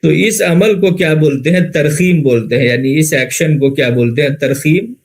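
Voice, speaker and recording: A man's voice: on the high side, low-quality recording. Man, Indian Urdu accent, grammar teacher, lecture style, patient, repeats and rephrases, asks and answers own questions.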